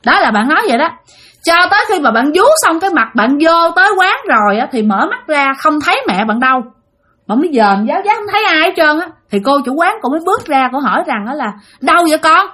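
A woman with a Southern Vietnamese accent telling a ghost story, talking straight to her listeners in an animated way. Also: sits high, quick pace. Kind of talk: spoken ghost story narration.

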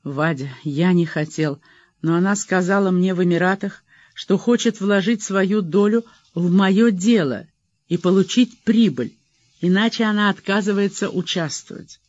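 A frightened, guilty man pleads and apologizes in a high voice, as a man voices him in an audiobook. He sounds cornered and eager to explain himself. The recording is dry and a little muffled. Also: normal speed, no room sound, close to an everyday voice. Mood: pleading. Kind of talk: audiobook character voice.

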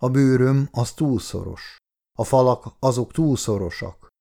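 A man reading the lines of a weary middle-aged sheriff who pleads quietly with his wife in an audiobook. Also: mid-range voice, creaky.

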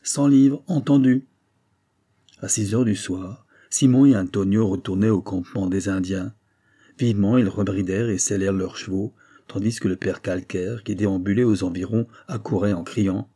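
A man reading a classic novel aloud in a steady, measured narration. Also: deep voice. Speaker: audiobook narrator.

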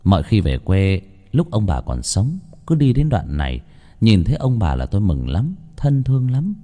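Man, storyteller, first-person ghost story, dramatic, dark mellow voice, animated pitch. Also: normal speed. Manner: lively dramatic telling.

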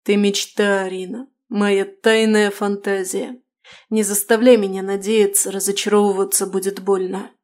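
A woman's voice: mid-range voice, flat delivery, normal speed, darkish tone, lightly acted. A woman reading the lines of an anxious, normally composed male doctor in his late thirties, speaking in an agitated, pleading way. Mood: sad. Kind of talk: audiobook dialogue reading.

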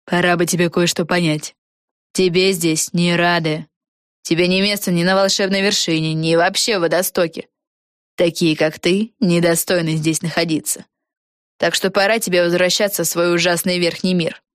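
A woman reading an audiobook, voicing a spiteful young witch girl who threatens slowly and mockingly. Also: on the low side, steady tone, no room sound, studio quality, lightly acted. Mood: sneering. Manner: cold, mocking, slow threats.

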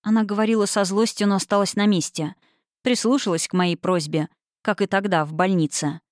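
A woman narrating a fantasy audiobook in a steady, even reading. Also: medium pitch, brisk, no echo, studio quality. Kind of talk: scripted narration.

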